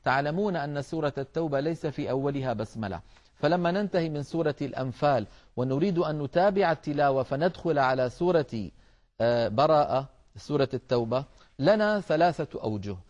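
A man gives a careful recitation lesson, explaining each rule step by step and addressing his listeners as brothers. His voice sits a little high. The recording sounds dull and lo-fi. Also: expressive, fast talker, a little mellow. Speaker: Quran recitation teacher. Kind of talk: tajweed lesson.

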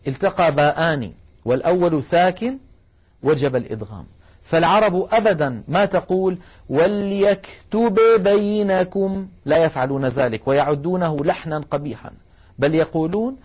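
A man lecturing a class, explaining carefully and slowing down to demonstrate sounds, asking students to try along. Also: on the high side, darkish tone, slightly rough. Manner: addresses students directly, asks them to try along. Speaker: Quran recitation teacher.

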